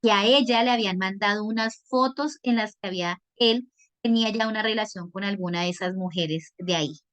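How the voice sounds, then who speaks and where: A woman's voice: mid-range voice, a little fast, a bit bright. A woman psychologist giving an online workshop, explaining patiently and asking her audience questions. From Colombia.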